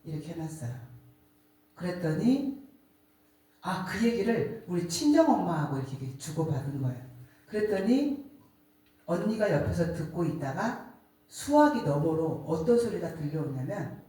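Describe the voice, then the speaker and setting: A middle-aged woman giving a church testimony, telling a family story in an animated way. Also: on the low side, moderate pace, long pauses. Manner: animated storytelling, acts out quoted voices. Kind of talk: sermon testimony. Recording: echoey room, distant mic.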